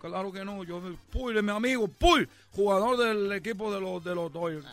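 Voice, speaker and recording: A man voicing a boastful Cuban baseball player with a Cuban accent in a comedic radio bit, loud and rambling, repeating himself. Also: high-pitched, normal speed, soft background music. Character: boastful Cuban ballplayer, adult man, brash joker.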